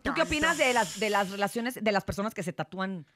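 A woman hosting a talk show, asking questions in a teasing, expressive way. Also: mid-range voice, fast talker. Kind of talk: casual talk-show chat.

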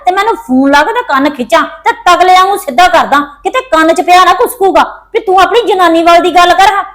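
A woman playing a sharp-tongued bossy elder sister. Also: extremely high pitch. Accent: Punjabi. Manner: scolding, bossy and fast-talking. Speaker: older sister character. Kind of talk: Punjabi family drama acting.

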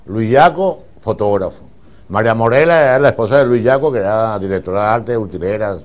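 An older man with a Venezuelan accent, a film prop master rambling through animated anecdotes at a master class, with frequent restarts. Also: lowish voice, brisk. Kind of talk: anecdotal storytelling to an audience.

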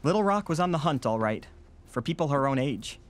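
A man's voice: fairly high pitch, lively intonation, brisk, heavy background noise, natural voice. An actor playing a neurotic, bookish American survivor in his thirties, wordy and precise, in a comedy film. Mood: wry, nostalgic. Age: 30s. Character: neurotic, bookish, earnest young male survivor. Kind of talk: film comedy narration and dialogue.

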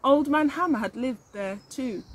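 Outdoors in a leafy garden, a middle-aged woman teaching young children reads aloud expressively, speaking to them directly and asking them questions. Her voice is high and measured in pace, with slight background noise.

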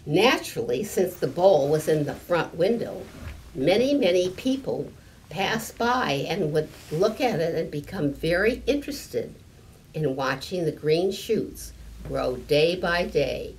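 An elderly woman reads a picture book aloud to children in a deliberate, slightly halting manner, adding small explanations. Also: low-pitched, expressive, darkish tone. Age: 70s or older. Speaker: story time reader. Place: library room with stone fireplace, indoors. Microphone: camera a few meters away. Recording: distant mic, room noise.

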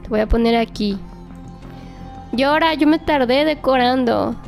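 A young woman narrating her doll play in a lively, exclamatory way, talking to the toys like a babysitter. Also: high voice, moderate pace, gravelly, soft background music. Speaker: toy play vlogger.

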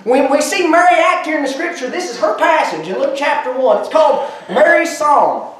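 A man preaching a sermon in a church, animated and emphatic, with folksy asides. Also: very high voice, normal speed. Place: church sanctuary. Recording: echoey church, mic far off.

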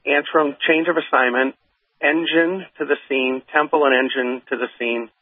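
A man working as a fire dispatcher, reading out alarms, addresses and unit assignments in quick, clipped calls over a radio channel. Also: mid-range voice, fairly even intonation, slightly rough, no room sound. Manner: rapid, clipped, repeating addresses and unit numbers. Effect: heard over a fire radio channel. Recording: tinny, narrow radio transmission.

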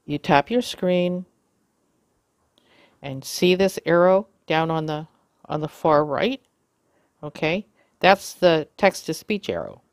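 A woman giving a casual how-to demonstration, talking haltingly with many fillers and self-corrections. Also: deep voice, lively intonation, dry recording, studio quality. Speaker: video tutorial host.

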